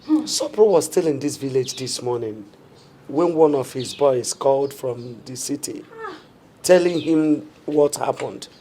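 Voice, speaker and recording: A woman's voice: rumbling low, animated, a little slow, warm tone, slight background noise. An actress with a Nigerian accent playing a consoling yet reproachful middle-aged mother in a film drama.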